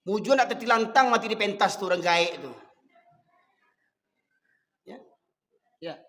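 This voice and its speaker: A man's voice: high voice, a little slow, fairly bright tone, in a large hall. A man with a Minangkabau accent preaching a sermon, fiery and scolding. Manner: fiery, scolding, switches between dialect and Indonesian.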